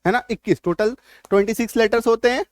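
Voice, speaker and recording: A man with a high voice teaches English spelling rules in an online class. He keeps checking in with his viewers and spells letters out one at a time. The recording is dry and close, with no room echo. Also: quick pace, darkish tone. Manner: repeats rhetorical checks, spells letters aloud. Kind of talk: online lesson in spoken Hindi.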